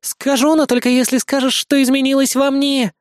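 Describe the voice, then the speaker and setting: A shrill, hot-tempered young woman with a sharp tongue, scolding and mocking, high above the reader's own voice, as a man puts her on. She sounds loud and pushy. The audiobook recording is dry and close. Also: very animated, moderate pace, no echo. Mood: teasing.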